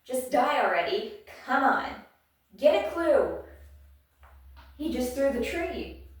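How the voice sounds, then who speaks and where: A woman voicing a hot-tempered young male demon slayer, shouting loudly and angrily. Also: high voice, very animated, takes it slowly, voice pushed up, heavily acted. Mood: angry shouting. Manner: loud angry shouting. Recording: very echoey room, mic far off.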